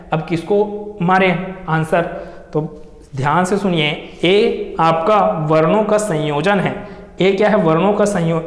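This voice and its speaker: A young man teaching a class, asking questions and answering them himself and stretching sounds to show them. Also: high-pitched. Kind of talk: explaining a lesson to students. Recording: echoey classroom with long reverb.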